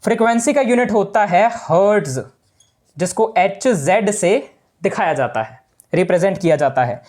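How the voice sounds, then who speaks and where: A man's voice: sits high, lively intonation, normal speed, darkish tone. A male teacher giving a casual physics lesson to students, talking informally and repeating the key points.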